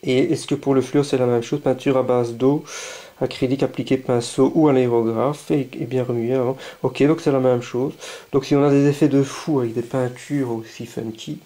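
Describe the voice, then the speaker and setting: A man casually unboxing paints, chatty and enthusiastic, thinking aloud and haltingly reading labels. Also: mid-range voice, steady tone, dark tone. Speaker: scale model hobbyist.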